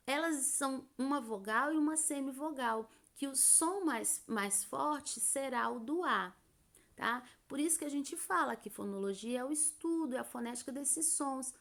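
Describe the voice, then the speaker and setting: Slow, gravelly teacher woman. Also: fairly high pitch. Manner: slow, stretches out sounds to demonstrate; asks and answers imagined student questions. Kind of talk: grammar lesson.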